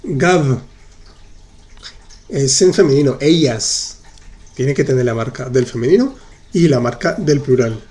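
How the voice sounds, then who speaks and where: A man's voice: medium pitch, expressive, darkish tone. A man teaching in during a live online class, patiently repeating examples and answering viewers' chat questions. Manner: patient, explains slowly and repeats. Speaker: French teacher.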